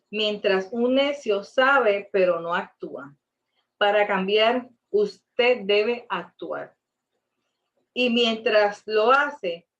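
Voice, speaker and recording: A woman's voice: medium pitch, dull audio. Earnest woman teaching a Bible class. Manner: earnest, emphatic, with rhetorical questions.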